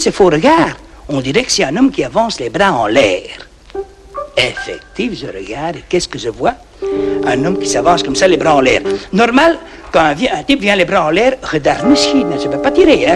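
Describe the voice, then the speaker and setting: A loud-mouthed Flemish farmer tells his wartime story in broken, oath-filled French with a thick accent, as a comic puts him on. His voice sits high, and music plays behind him. It is a 1960s cabaret record. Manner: broken French studded with Flemish oaths, constant "hein". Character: blustering Flemish farmer, middle-aged man.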